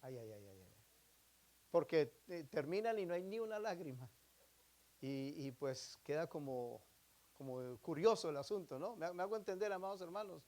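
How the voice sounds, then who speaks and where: High-voiced preacher with dynamic swings. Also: male voice, lively intonation, moderate pace. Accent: Latin American Spanish. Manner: preaching with rhetorical questions to the congregation; swings between emphatic loud phrases and quiet drops. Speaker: pastor. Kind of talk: sermon.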